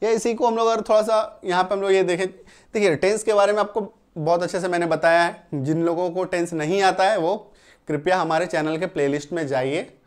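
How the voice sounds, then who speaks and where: A man's voice: high voice, fairly even intonation, fairly quick, smooth. A male English grammar teacher explaining rules in a Hindi-medium lesson, repeating each point and often checking that students follow. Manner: reassuring, plain explanations.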